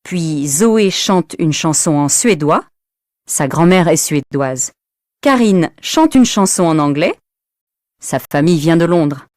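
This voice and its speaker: A woman's voice: lowish voice, darkish tone, no room sound, clean studio sound. A woman narrating a story for language learners, reading carefully and expressively.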